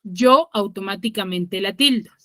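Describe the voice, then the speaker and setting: A woman teacher explaining over a video call, often checking understanding with quick tag questions and correcting herself mid-sentence. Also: mid-range voice, a bit bright, dry recording, clean studio sound. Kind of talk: online class explanation.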